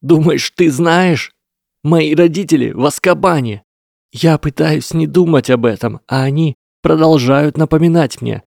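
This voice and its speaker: A man's voice: medium pitch, fairly even intonation, normal speed, gravelly, darkish tone, breathy edge, no echo, clean studio sound, pitched above the performer's own voice. A man voicing a desperate, weeping young boy wizard who trembles, pleads and then screams, in an audiobook reading. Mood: anguished. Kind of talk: audiobook character voice.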